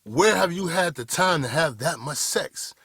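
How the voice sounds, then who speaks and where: Here a man in his 30s gives a preachy, blunt pep talk to the camera, addressing viewers as "y'all boys." His fairly high, animated voice is unhurried, a bit bright and husky. Recorded on a camera mic, the audio is clean studio sound without room sound.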